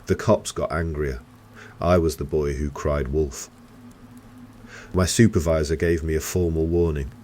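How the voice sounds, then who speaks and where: A man reading a scripted horror story in a slow, grave storytelling manner. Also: rumbling low, steady tone, darkish tone, slight background noise. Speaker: narrator.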